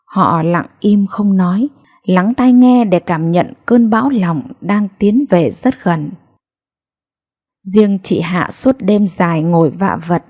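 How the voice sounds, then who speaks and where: A woman storyteller giving slow, sorrowful audiobook narration. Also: lowish voice, dark tone.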